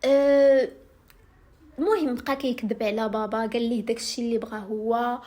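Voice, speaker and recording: A young woman with a Moroccan accent tells viewers her own story. She speaks quickly, in a rather high voice, recounting everything in an aggrieved first-person way. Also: steady tone, a little mellow. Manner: rapid, aggrieved first-person retelling with acted quotes.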